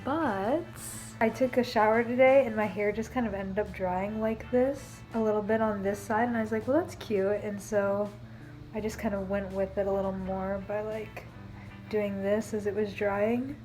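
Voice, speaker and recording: A beauty and costume vlogger, a young woman, talks casually to her camera in her living room, her nose stuffed up and snuffly from allergies. She rambles in a chatty way, filling gaps with "um" and "like," her voice at an ordinary middle pitch with a steady tone. Quiet, soft music plays underneath the low-quality recording.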